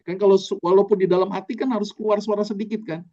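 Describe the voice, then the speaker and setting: A man's voice: high voice, fairly even intonation, quick pace, mellow, highs cut off. A man, a doctor, giving a casual online lecture, explaining step by step with frequent fillers.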